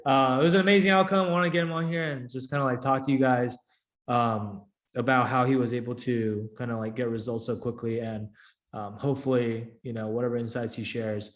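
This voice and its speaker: A man's voice: mid-range voice, steady tone, a little fast, echoey room. A man hosting a casual interview over a video call, chatty and full of fillers. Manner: filler-heavy, loose and chatty. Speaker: interview host, founder of a career coaching program.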